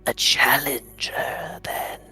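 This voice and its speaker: A man voicing a menacing female creature in a tabletop game, in the slow, breathy, whispery rasp of an old hag. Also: medium pitch, level tone, sharp tone, soft background music, exaggerated voice. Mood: hushed menace. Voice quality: raspy, whispery. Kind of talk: tabletop role-play.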